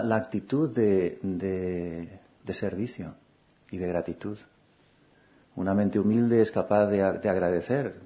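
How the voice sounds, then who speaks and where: A man giving a calm, reflective spiritual talk, repeating phrases and asking gentle questions. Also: low voice. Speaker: spiritual teacher. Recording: dull lo-fi recording.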